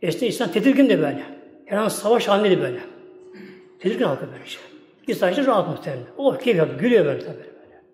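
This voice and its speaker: A man's voice: high-pitched, sing-song, rapid-fire, a little mellow. A man preaching a religious talk in a mosque, telling folksy stories in a rambling way and repeating his address to the congregation again and again. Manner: keeps repeating "my esteemed ones" and "like this". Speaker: Islamic preacher. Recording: echoey hall with long reverb, faint music.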